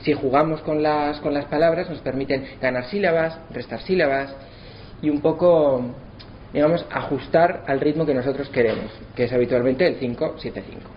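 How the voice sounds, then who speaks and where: Man teaching, slow spelled-out syllables. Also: a little high. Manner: spells out syllables slowly to demonstrate. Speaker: lecturer. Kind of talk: explanatory lesson. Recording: slightly dull, faint background noise.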